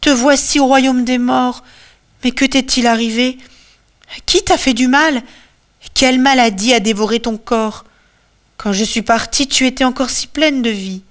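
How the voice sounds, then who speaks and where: A woman's voice: medium pitch, lively intonation, a little slow, close to an everyday voice. A woman voicing a grieving male hero who pleads in a tearful, anguished voice.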